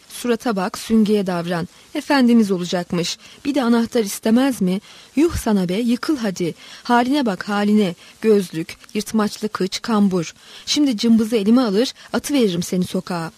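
A woman's voice: medium pitch, normal speed, a little mellow, no echo, close to an everyday voice. A woman voicing a brawny, lazy young man who taunts and threatens with a sneering drawl. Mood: menacing.

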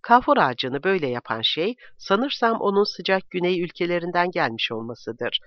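A man's voice: sits high, sing-song, normal speed, dry recording, voice pushed up. Man doing an older dad who lectures and muses, voice a bit raised, muffled dry sound. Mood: musing. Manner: musing, lecturing. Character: aging father, musing and a bit pompous. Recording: dull, dry recording.

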